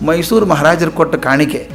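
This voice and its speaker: A man's voice: fairly high pitch, a little fast, soft background music. A man giving a storytelling motivational lecture, acting out the people in his stories. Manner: lively storyteller acting out quoted voices. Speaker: motivational speaker.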